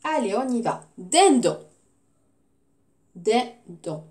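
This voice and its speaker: A woman teacher with a French accent giving a recorded phonics lesson to young children, saying words slowly and clearly syllable by syllable and encouraging them gently, with some hesitations. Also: on the high side, animated. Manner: slow, clearly articulated, repeating words syllable by syllable.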